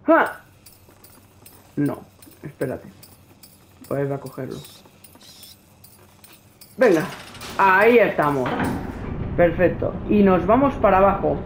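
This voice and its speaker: A man with a Spain Spanish accent doing let's play commentary, talking to his game character and nervously pleading. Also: on the high side. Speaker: gaming youtuber.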